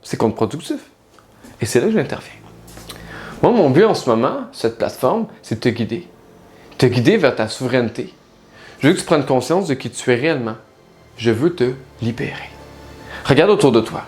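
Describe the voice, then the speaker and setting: Guy talking life coaching straight to you, mid pitch, lots of rhetorical questions. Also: big pitch swings, moderate pace, long pauses, darkish tone, soft background music. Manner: talks straight to the listener, asks many rhetorical questions. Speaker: life coach and spiritual guide. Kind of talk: casual direct-to-camera monologue.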